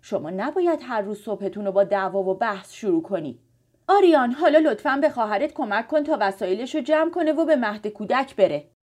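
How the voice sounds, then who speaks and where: A woman voicing a patient, tired father who gently scolds his children in a bedtime story. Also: on the high side, lively intonation. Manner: coaxing, admonishing.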